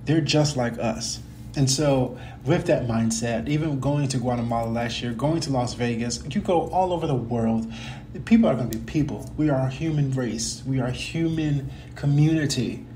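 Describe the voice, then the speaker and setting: A man's voice: medium pitch, normal speed, warm tone, slight background noise. A young adult man from the United States with a slight cold, hosting his own podcast in a casual, earnest way, rambling and correcting himself as he talks. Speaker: podcast host. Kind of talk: casual personal talk.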